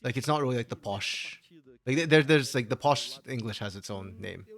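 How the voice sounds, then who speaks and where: A man co-casting an esports stream in a casual, playful chat, quick to tease and joke. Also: medium pitch, creaky, fairly bright tone. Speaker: esports co-caster.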